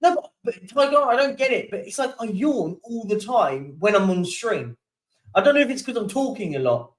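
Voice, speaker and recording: A man's voice: high voice, lively intonation, normal speed, distant mic, poor audio. A young man hosting a casual live-stream chat, reading out viewer comments and yawning now and then. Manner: chatty, keeps yawning and apologising.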